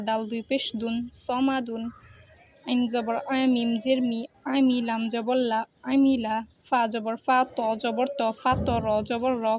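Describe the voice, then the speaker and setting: Slow, measured woman teaching letter drills. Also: on the high side, a little mellow, no echo. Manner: spells each letter with its vowel, then joins the syllables. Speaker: Arabic reading teacher. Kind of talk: slow spelling-and-reading drill lesson.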